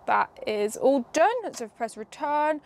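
A woman's voice: high voice, big pitch swings, slow pace, vocal fry, slight background noise. A young woman hosting a casual hands-on demo, chatting and explaining each step with a few fillers. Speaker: host.

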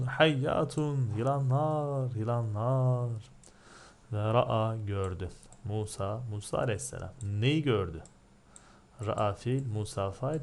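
A man's voice: on the low side, darkish tone. A man with a Turkish accent teaching a religious text, reading it word by word and translating and explaining each word. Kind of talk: line-by-line translation lesson.

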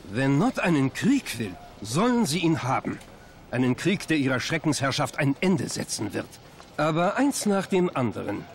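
An actor playing a stern, resolute middle-aged government leader in a video game cutscene. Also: male voice, mid-range voice, very animated, normal speed, gravelly, slight background noise. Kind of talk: scripted game cutscene acting.

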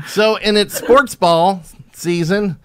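A man's voice: sits high, slow, smooth. A man, co-hosting a podcast in casual chat and rambling with many fillers. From Alabama, USA. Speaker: podcast co-host.

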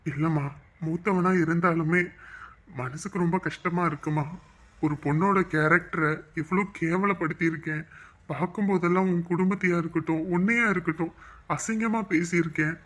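A man's voice: fairly high pitch, fairly even intonation, a bit bright. A man playing an educated, remorseful middle-aged father who speaks earnestly. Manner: earnest, measured pleading. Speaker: father-in-law in a family drama. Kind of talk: web drama acting.

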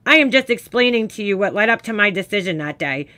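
A woman's voice: medium pitch, animated, quick pace, sharp tone. Profane, scornful woman ranting live. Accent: New York. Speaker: makeup commentary streamer.

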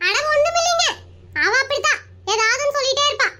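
Squeaky, fast, bright cartoon village auntie, a woman voicing her, nosy and coaxing. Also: animated, full character voice. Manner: chatty, coaxing, drawn-out village talk. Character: Muppatha, chatty nosy village woman neighbor. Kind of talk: Tamil comic cartoon voice acting.

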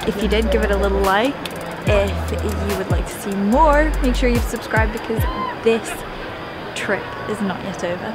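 A woman's voice: medium pitch, moderate pace. A young woman chatting casually to a handheld camera as a travel vlogger, laughing easily while out on city streets. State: tired. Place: outdoors on city streets at night. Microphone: handheld camera at arm's length. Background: music.

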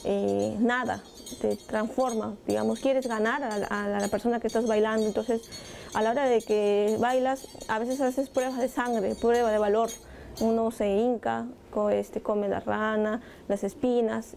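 Gravelly, low-toned young woman dancer. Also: steady tone, a little mellow, slight background noise. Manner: thoughtful, halting with fillers. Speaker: scissors dancer. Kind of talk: interview testimony. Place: indoor room with instruments.

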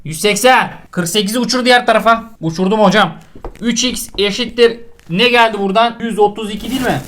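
A man's voice: very high-pitched, fairly even intonation, fast talker, fairly bright tone, slight background noise. A man tutoring geometry in a comic lesson, scolding his student in an exasperated, crude way with swearing. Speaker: math tutor.

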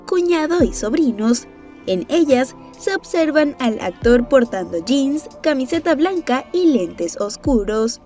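A woman narrating entertainment news in a brisk, even newsreader delivery. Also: fairly high pitch.

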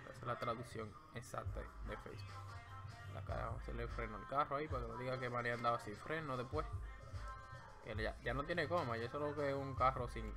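A man with a Dominican accent chats at home into a desk mic while he draws live, joking and rambling as he goes. His voice sits at an ordinary middle pitch, and clear music plays behind him. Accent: Dominican Spanish. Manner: playful, rambling, jokey. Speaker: streamer drawing live. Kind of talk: joking running commentary while drawing. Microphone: desk microphone.

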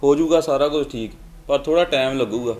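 Man playing a fast-talking bitter brother. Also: medium pitch, darkish tone, lightly acted. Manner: rapid, resentful. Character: hurt, stubborn brother who drinks.

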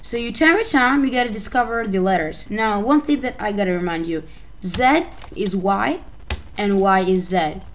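A woman's voice: medium pitch, animated, moderate pace, a little hiss or hum, low-quality recording. A woman from Albania with an Albanian accent, a native Albanian speaker, narrating a casual screen-recording tutorial in a hesitant way, often restarting and correcting herself. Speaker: tutorial maker.

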